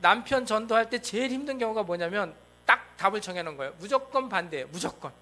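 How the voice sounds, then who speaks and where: Pastor guy giving a sermon, high pitched voice, bright and sharp, really animated. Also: fast. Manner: animated, acts out God and the king in quoted lines. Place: church sanctuary.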